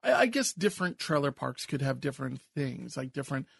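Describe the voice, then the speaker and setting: A man's voice: mid-range voice, big pitch swings, brisk, creaky, a bit bright, husky, no echo, clean studio sound. A man with a Long Island accent, co-hosting a podcast in a rambling, enthusiastic, self-correcting way. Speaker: podcast co-host. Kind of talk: casual podcast chat.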